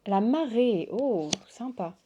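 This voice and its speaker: Gushing woman unboxing cards, mellow voice. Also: on the high side, animated, takes it slowly, highs cut off, slight background noise. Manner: gushing, exclamatory, lots of waouh and oh là là. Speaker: tarot reader and channel host. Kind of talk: casual unboxing chat to viewers.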